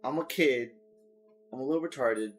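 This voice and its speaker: A man's voice: mid-range voice, normal speed, faint music behind. A man co-hosting a casual podcast chat, telling rambling stories full of swearing. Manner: rambling, profane storytelling. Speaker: podcast co-host.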